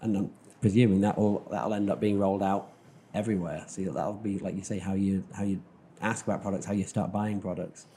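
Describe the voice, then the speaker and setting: Fast-talking man with a very dark voice. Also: low-pitched, fairly even intonation, slight background noise. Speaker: podcast panellist. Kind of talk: casual discussion.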